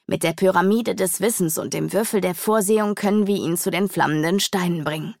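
Woman reading a calm measured sage. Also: on the low side, vocal fry, dry recording, clean studio sound.

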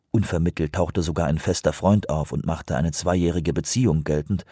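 Deep, husky male audiobook narrator. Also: darkish tone, no echo, studio quality. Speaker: audiobook reader. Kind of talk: scripted narration.

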